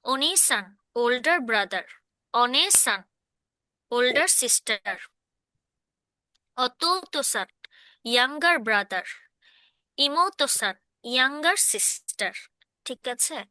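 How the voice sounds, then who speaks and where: A woman teaches a relaxed online language class, checking often that her listeners keep up. Her voice sits high and sounds bright and clear. The recording is close and dry. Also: slow pace, pauses often, no room sound. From Bangladesh. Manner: explains patiently, often checking understanding. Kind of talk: casual online class explanation.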